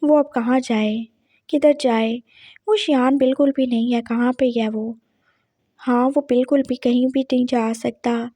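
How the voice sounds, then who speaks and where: A woman narrates a serialized story and speaks the characters' dialogue herself. Her voice is high and mellow. The recording is dry and close. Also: no room sound.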